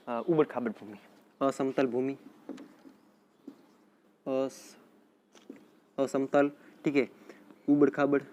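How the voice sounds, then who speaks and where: A male teacher, dictating a geography lesson slowly and repeating place names often. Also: medium pitch, darkish tone, highs cut off. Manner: slow, repetitive dictation with frequent "theek hai" check-ins. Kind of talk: exam-prep geography lesson.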